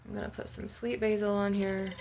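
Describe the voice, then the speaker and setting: A woman's voice: medium pitch, little pitch movement, fairly quick, gravelly, darkish tone. A woman hosting an ASMR video, talking in a rambling, conversational way with asides between tapping. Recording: very noisy, with clicks and tapping. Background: tapping on glass and objects, clicking.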